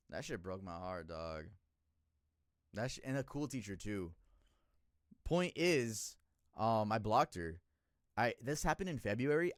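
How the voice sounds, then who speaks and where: A young man in his twenties talks to his stream chat in a lively, swooping voice, bursting loud and then dropping to a mutter. His talk is casual and full of swearing. The sound is close and dry, with no room around it. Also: dry recording. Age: 20s. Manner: animated, emotional, profane, swings between loud outbursts and low muttering. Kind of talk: casual livestream storytelling to chat.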